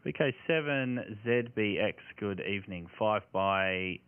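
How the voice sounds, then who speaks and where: A man's voice: lowish voice, lively intonation, a little slow, clean tone, dry recording. A man, an amateur radio operator calling and answering contacts with phonetic callsigns. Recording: narrow, very noisy radio-static sound.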